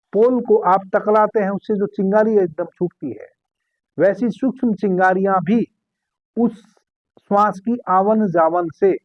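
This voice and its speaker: A man calmly giving guided meditation instructions as a spiritual teacher, repeating key phrases slowly. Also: high voice, no echo. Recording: tinny phone-like sound.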